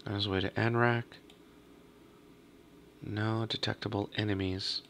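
Lower-voiced man muttering over a game. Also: level tone, a little slow, fairly bright tone, slight background noise. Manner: muttering to himself while playing. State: slightly hoarse, has a cough. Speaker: gaming video host. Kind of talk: casual let's-play commentary.

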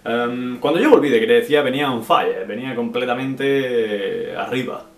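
A man's voice: medium pitch, normal speed. A young man from Spain, answering viewer questions in a casual vlog, clipping words and tagging sentences with "right?". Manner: chatty, drops syllables as "pa'", frequent "¿vale?" and "¿no?". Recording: echoey room with faint guitar music.

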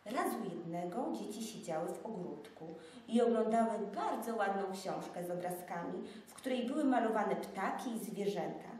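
A woman reading a fairy tale aloud in a measured, expressive way, recorded in an echoey room from far off. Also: medium pitch.

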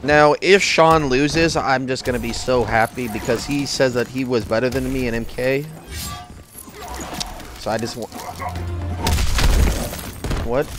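A man giving casual, excitable gaming tournament commentary in an informal way, ready to break into shouts. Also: mid-range voice, measured pace, pauses often, music in the background.

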